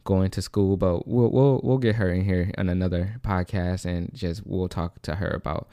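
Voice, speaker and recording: Breathless young man, low and dark. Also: steady tone, moderate pace, no echo, clean studio sound. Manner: rambling, repeats and restarts, says "like" and "low-key". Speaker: podcast host. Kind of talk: casual solo podcast monologue.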